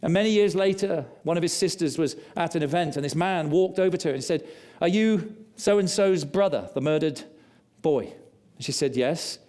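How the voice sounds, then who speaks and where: A man preaching a sermon, telling stories with passion and dropping low and quiet for confession. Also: fairly quick. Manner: impassioned storytelling, rising loud on key lines.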